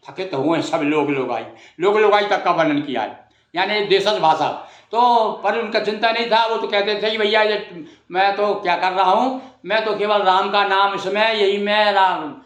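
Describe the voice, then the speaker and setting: A man giving a devotional discourse, explaining verses in plain, conversational words and chanting lines slowly. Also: sits high, fairly bright tone, roomy sound. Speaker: Ramayana storyteller.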